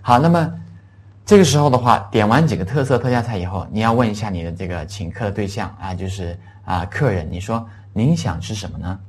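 A middle-aged man runs a classroom English lesson in a fairly low voice. He spells out words letter by letter and says each phrase slowly, then says it again for students to repeat. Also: slight background noise. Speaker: English teacher.

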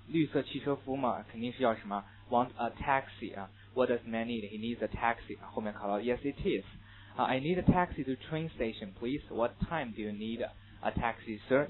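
A man's voice: mid-range voice, breathy edge. Chinese guy lecturing on english listening, has the class repeat words after him, sounds tinny like over a phone. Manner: drills pronunciation, asks and answers own questions. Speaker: English teacher.

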